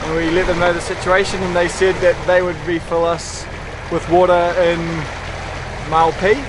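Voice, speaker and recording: A young man casually talking to camera from the deck of a sailboat at sea, relaxed and quick to laugh. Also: sits high. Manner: relaxed, chatty, laughs easily. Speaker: sailing vlog host. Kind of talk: casual vlog narration. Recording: wind and sea noise. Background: wind and water noise.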